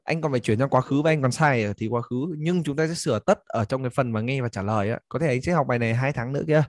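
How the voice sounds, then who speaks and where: Male tutor, upbeat and encouraging, patient step-by-step corrections, mid pitch, dry close sound. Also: fast, no echo. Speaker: English teacher. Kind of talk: one-on-one coaching session.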